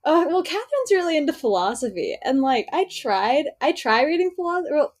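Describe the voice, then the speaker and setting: Giggly twenty-something woman cohosting a podcast, higher voice, chatty and jokes about herself. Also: big pitch swings, a little fast. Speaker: podcast co-host. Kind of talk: casual podcast chat.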